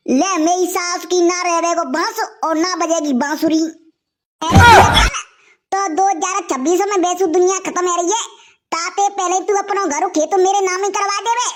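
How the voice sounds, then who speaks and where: A voice actor playing a loud, scheming village man in a cartoon, rowdy and brash. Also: very high voice, steady tone, normal speed, slight background noise. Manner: brash, rowdy, full of swear-fillers. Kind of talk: cartoon comedy voice acting.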